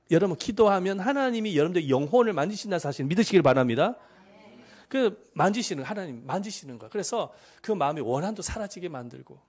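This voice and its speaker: A man's voice: a little high, husky. A man preaching a sermon as pastor, often asking the congregation questions and acting out quoted speakers. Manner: lively, asks the congregation questions.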